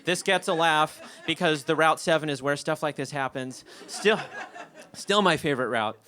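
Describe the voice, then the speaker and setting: Wry, animated young man telling a story. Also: fairly high pitch, moderate pace. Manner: wry, animated, often laughing. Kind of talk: live stage storytelling. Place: theater stage.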